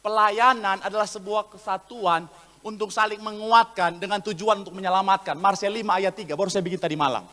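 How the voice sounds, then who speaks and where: A male pastor preaching a lively comedic sermon, addressing the congregation directly and acting out voices in his stories. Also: high voice, a little fast. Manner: animated, acts out voices in anecdotes, calls the congregation "saudara". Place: church hall. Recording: church hall reverb.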